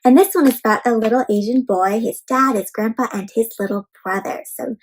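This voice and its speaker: She's hosting a read-aloud of an interactive storybook for little kids, treating them as friends and peppering them with questions. The voice is husky, on the high side, and brisk.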